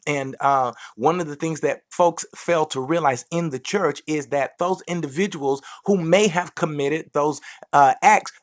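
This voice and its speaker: A man's voice: a little high, measured pace. A man preaching a livestreamed sermon with rising fervor, repeating phrases for emphasis and talking straight to his viewers. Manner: addresses viewers directly as "y'all". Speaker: pastor.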